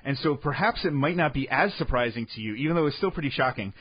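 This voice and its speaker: A man tells an outlandish sports yarn with a straight face, often tripping over and restarting his sentences. His voice sits at an ordinary middle pitch. The recording is dry and slightly dull, with no room sound. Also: fast talker, slightly rough, dry recording. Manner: deadpan tall tales with rambling restarts. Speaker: comedic storyteller. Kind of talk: comic sports storytelling.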